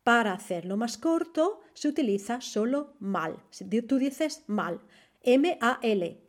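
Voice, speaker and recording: A woman teaches a podcast language lesson at an unhurried pace. Her voice sits a little high. She spells letters out and repeats each example phrase with care. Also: animated.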